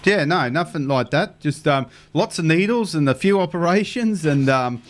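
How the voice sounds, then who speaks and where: A man's voice: on the high side, lively intonation, moderate pace. A man with a Queensland Australian accent hosting a radio show, chatting casually and chummily with callers. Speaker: radio fishing show host. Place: radio studio.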